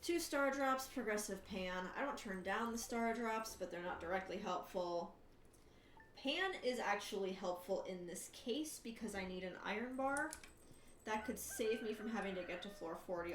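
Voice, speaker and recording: A woman's voice: medium pitch, moderate pace, far from the mic. A woman livestreaming a game, thinking aloud and chatting to viewers with dry, wry humor. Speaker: livestreamer hosting a charity gaming stream. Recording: roomy echo, off-mic, faint background noise.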